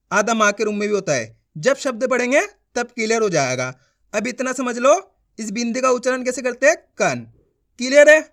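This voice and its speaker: A woman's voice: on the high side, fairly bright tone. A woman teaching beginners to read, patiently stretching out syllables and saying each sound twice, stopping often to check that the class understands. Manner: checks understanding with quick questions. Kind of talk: beginner reading lesson.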